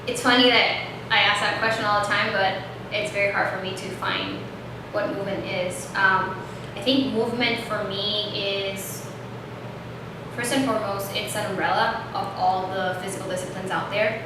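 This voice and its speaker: A woman from El Salvador, a yoga instructor and dancer, talking as a guest in a casual conversation and pausing thoughtfully to find her words. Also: medium pitch, steady tone. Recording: echoey room, distant mic, noisy.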